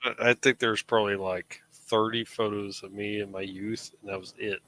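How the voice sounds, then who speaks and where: A man's voice: fairly low pitch, flat delivery, normal speed, pushed and bright, no room sound, low-quality recording. A man in his thirties chatting casually on a live show, rambling with frequent restarts. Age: 30s. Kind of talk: casual chat.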